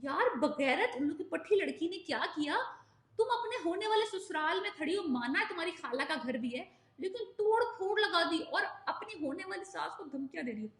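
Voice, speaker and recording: Chatty high-voiced woman reviewing dramas. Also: expressive, normal speed, fairly bright tone. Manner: chatty, opinionated, mixes in English phrases. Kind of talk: casual recap vlog. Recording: echoey room.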